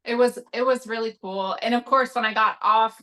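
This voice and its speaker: A woman's voice: on the high side, fairly even intonation, moderate pace, bright, forceful tone. A woman telling a story in casual podcast chat, full of "like" and "you know". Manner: chatty, lots of "like" and "you know". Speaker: podcast guest.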